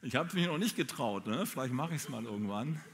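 A man preaching a sermon, talking straight to his listeners in an animated way. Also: medium pitch, a little fast, big-room sound. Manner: animated, addresses listeners directly. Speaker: pastor.

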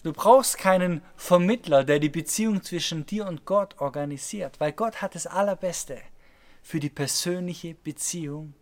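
Passionate preacher man, slightly high voice. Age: 30s. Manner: passionate, swings between loud urgency and hushed intimacy; storytelling, addresses listeners directly. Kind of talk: sermon.

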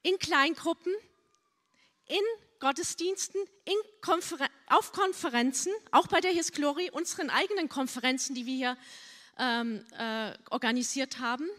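A middle-aged woman pastor preaching a sermon in earnest, drawn-out phrases, sometimes dropping to a hushed, pleading prayer voice. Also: high voice. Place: church hall. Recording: church hall with long reverb.

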